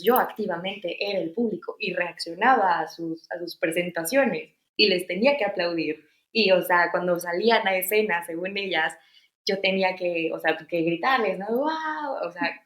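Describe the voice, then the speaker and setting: A woman's voice: on the low side, fairly even intonation, normal speed, a bit bright, roomy sound. A Mexican woman in her thirties, an interview guest chatting casually about her experiences, with many fillers and restarts. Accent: Mexican Spanish. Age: 30s. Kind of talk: casual storytelling.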